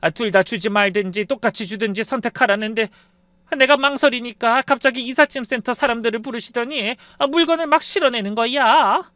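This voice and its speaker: An older mother-in-law, flustered and shaken, tumbles out her story in a high, raised voice full of exclamations, as a man puts her on. The storybook reading sounds close and dry. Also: fairly quick, sharp tone, no echo. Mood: rattled. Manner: exclaiming with sighs, breathless retelling.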